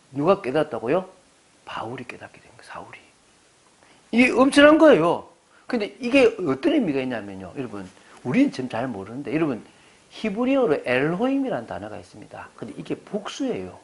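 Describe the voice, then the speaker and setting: His pitch swoops wildly from a slightly high base as this forties-aged pastor preaches fairly quickly in a slightly rough voice. Conversational in his explanations, he keeps throwing rhetorical questions at the congregation.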